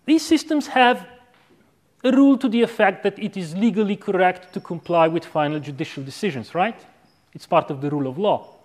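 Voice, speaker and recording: Guy in his 30s lecturing at uni, highish voice, careful step by step teaching style. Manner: measured, didactic, checks in with 'okay' and 'right'. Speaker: academic lecturer. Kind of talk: academic lecture, philosophical argument. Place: university lecture room with chalkboard. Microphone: clip-on lapel microphone.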